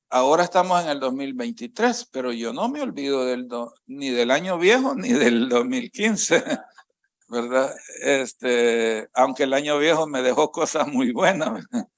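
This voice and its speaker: A middle-aged man with a Salvadoran accent preaching a sermon as pastor, stretching out scripture readings and calling on the congregation to repeat after him. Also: mid-range voice. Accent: Salvadoran Spanish.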